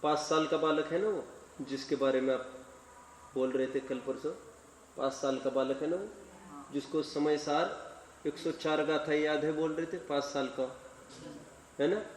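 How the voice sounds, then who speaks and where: A man preaching a sermon in a slow, deliberate delivery, with his voice sitting a little high for a man. He tells stories and keeps asking his listeners questions. The recording comes from a distant mic in a large hall, with a long, echoing reverb. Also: a little hiss or hum. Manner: slow, expressive storytelling with rhetorical questions. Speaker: Jain preacher. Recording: echoey hall, voice from far off.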